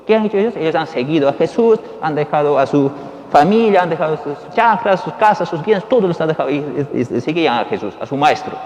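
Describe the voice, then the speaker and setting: A male priest gives a folksy homily at Mass, asking the congregation questions and swinging between soft and loud. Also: fairly high pitch, expressive, fast, lo-fi sound, slight background noise. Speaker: Dominican priest. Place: church. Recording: long reverb in a large hall.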